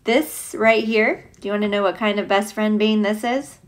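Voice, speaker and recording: Reading a picture book aloud, a woman teacher keeps things playful with casual asides and questions for the children watching. Her mid-range voice has fairly even intonation and a normal speed.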